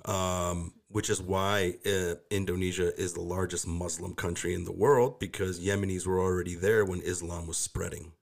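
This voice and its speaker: A man with an American accent and a gravelly voice, chatting casually and informally as a podcast guest. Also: deep voice, steady tone, moderate pace, hardly any pauses. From Metro Detroit, US. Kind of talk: casual chat.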